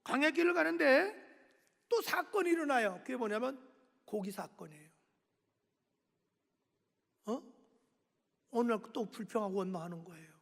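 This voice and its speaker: A man preaching a sermon as a pastor, animated and acting out dialogue. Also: very high voice, moderate pace, creaky, pauses often. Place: church. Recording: echoey church hall.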